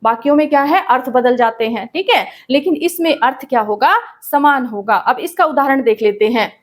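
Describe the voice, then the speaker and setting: A woman teacher explaining a grammar lesson patiently, often checking in with the class and reading verse lines slowly. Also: high voice. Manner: calls students "बेटा".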